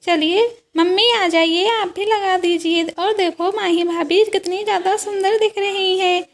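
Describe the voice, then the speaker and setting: An eager, chatty young sister-in-law in a homemade doll story, as a woman plays her. She talks in a cheerful rush. Her voice is very high-pitched. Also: steady tone, unhurried. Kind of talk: doll story role-play.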